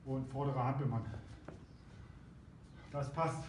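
A man's voice: medium pitch, fairly even intonation, slow pace. A middle-aged man coaching a workout in short, punchy gym-bro commands while exercising, recorded from a distance in a gym. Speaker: fitness boxing coach. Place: indoor boxing gym ring. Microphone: far camera. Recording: distant mic in echoey, noisy gym.

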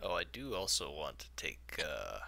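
Loud teasing friend, bright gravelly tone, faint mic clicks. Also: male voice, a bass voice, very animated, moderate pace, a little hiss or hum. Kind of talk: casual chat.

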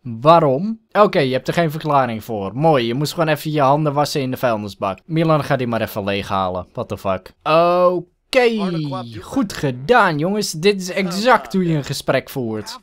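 A man hosting a let's play video, reacting excitably to the game with swearing and laughter. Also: fairly high pitch, normal speed. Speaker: gaming video host.

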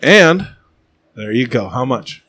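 A man in his early forties co-hosts a relaxed podcast and trades dry, teasing jabs with his partner. His voice has a middle pitch. He is from the Pacific Northwest. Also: slow, slightly rough. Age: early 40s. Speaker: podcast co-host. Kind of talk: casual podcast chat.

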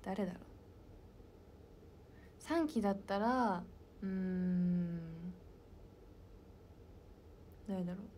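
Young woman idol, mellow soft voice, casual fan Q&A chat, whispered asides. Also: fairly low pitch, drawn-out words, pauses often, slight background noise. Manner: soft-spoken and chatty, drops into whispered asides. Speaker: idol talking with fans.

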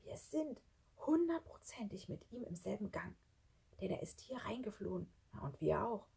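Daring young boy, urgent whispers, breathy tone, as a woman reads him. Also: medium pitch, moderate pace, voice pushed up. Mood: whispering. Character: bold, restless young boy adventurer.

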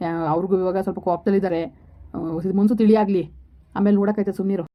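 Brief: a fatherly police officer, firm but soothing and quick-spoken, played by a woman, lo-fi sound. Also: mid-range voice, steady tone, lightly acted. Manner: reassuring, fatherly, rapid. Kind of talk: village family drama. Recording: dull lo-fi recording.

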